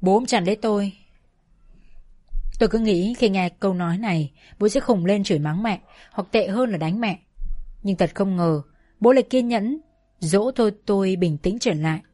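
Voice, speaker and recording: A woman narrating a first-person family story in a soft, emotional way. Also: medium pitch, normal speed, pauses often.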